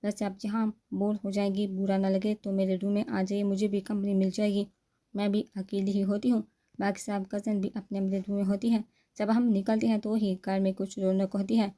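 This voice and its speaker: A talkative young woman cousin, friendly and insistent, read by a woman narrator. Her voice is mellow and level, with little rise and fall, like a storybook read aloud. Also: mid-range voice, flat delivery, natural voice. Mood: chatty.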